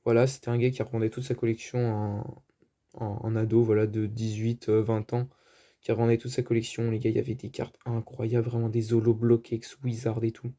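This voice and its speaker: Dark-toned French man chatting casually. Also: medium pitch, flat delivery, fairly quick. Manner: chatty, hesitant, many fillers. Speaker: card collector vlogger. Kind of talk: casual show-and-tell.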